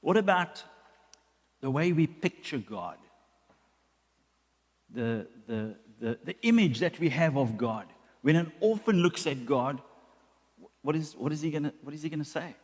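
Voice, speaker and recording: A fairly high-voiced man preaching a sermon in a church hall, his words trailing off into a long reverb. He often repeats a word several times while he builds a point. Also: animated, measured pace, long pauses, slightly rough. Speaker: pastor.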